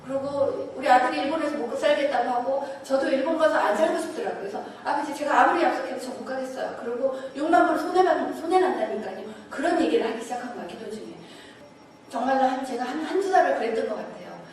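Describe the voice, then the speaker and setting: A woman's voice: high-pitched, expressive, fast, a little mellow. Middle-aged woman, echoey church testimony. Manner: earnest storytelling, acting out dialogues, laughs. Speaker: guest speaker giving testimony. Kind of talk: testimony sermon. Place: church sanctuary. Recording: echoey hall, distant mic, noise.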